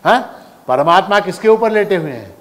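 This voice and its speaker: Man giving a lively sermon. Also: high-pitched, normal speed. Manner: animated, asks the audience questions and answers them. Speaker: spiritual teacher. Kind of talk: Hindi sermon with storytelling and Sanskrit chant. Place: large hall at a religious festival. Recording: echoing hall, faint background noise.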